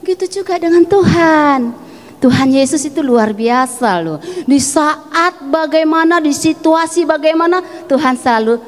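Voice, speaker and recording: Sunday school preacher, woman, high lively voice, echoey church hall. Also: a little slow. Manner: animated, asks children questions. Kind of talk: children's sermon.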